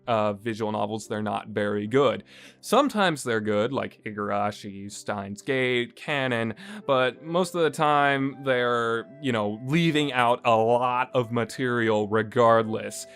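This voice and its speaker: Hosting a casual podcast that reviews games, a man talks in a rambling way packed with "uh" and "you know" fillers. His mid-range voice is a bit slow, fairly bright, clear, and resonant.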